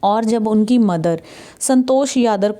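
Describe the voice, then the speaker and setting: A woman's voice: a little high, warm tone. Patient Indian woman teaching English. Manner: patient, repeats "ठीक है" to check understanding; reads English passages slowly and deliberately. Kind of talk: explaining a textbook chapter to students.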